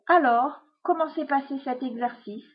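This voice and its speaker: A woman's voice: sits high, moderate pace, natural voice. A woman voicing a stern hamster father, a bandit, in a storybook reading, on a dull lo-fi recording.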